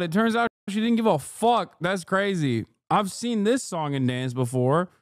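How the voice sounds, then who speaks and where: His voice is high, the recording dry with clean studio sound. He's a streamer in his thirties from Turkey, laughing through his lines while ranting in heated, profane reaction commentary.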